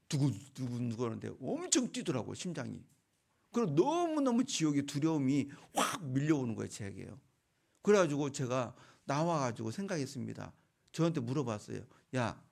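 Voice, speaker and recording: Middle-aged male pastor, gravelly voice, lively storytelling sermon delivery. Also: mid-range voice. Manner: storytelling with rhetorical questions to the congregation.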